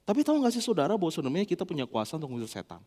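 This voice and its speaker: A man preaching a lively, playful sermon, acting out little dialogues as he goes. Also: on the high side, racing, big-room sound. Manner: animated, playful, acts out dialogue. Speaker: pastor. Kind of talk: lively sermon with humorous anecdotes. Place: church.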